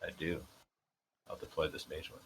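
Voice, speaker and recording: A man's voice: extremely low pitch, level tone, moderate pace, gravelly, fairly bright tone, husky, poor audio. A man with a New England accent, playing a card game and chatting casually, laid-back with dry jokes.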